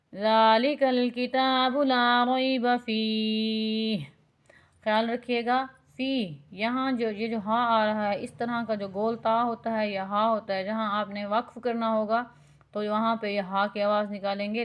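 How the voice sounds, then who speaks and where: A woman teaching beginners Quran recitation, drawing out the verses slowly and then explaining the rules quickly and patiently. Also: mid-range voice. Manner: alternates slow drawn-out recitation with quick explanation; patient, instructive.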